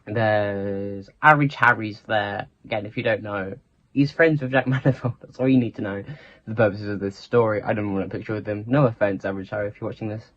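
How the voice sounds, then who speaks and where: Teen lad yapping through a story, keeps restarting sentences, kinda dull lo-fi sound. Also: male voice, fairly low pitch, fairly even intonation, a little fast. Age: teens. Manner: rambling, self-interrupting, chatty. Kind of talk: casual storytime chat.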